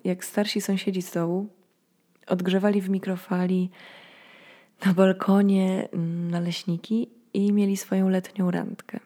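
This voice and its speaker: Quiet, mellow young woman podcasting at night. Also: fairly low pitch. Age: 20s. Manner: reflective, storytelling. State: sleepy. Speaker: podcast host. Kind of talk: personal late-night podcast monologue.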